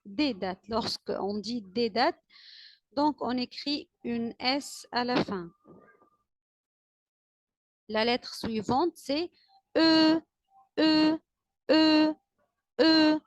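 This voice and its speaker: In a lo-fi recording with no room sound, a woman with an Arabic-speaking accent leads an alphabet lesson in class. Her pitch is fairly high, and she repeats letters and words slowly and drawn-out, praising the students often.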